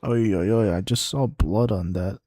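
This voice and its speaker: Guy reacting live to a football match, stops and restarts a lot, kinda mellow voice. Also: fairly low pitch, slightly rough, no room sound. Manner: halting, restarts words, thinks aloud. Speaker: watchalong streamer. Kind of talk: casual live match commentary.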